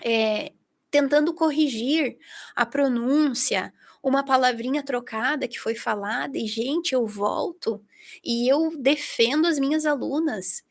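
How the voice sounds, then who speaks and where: A woman's voice: high-pitched, a little slow. A middle-aged woman from Brazil teaching an online English masterclass, talking straight to her listeners and acting out what her students say. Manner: lively, talks directly to the listener, acts out students' quotes.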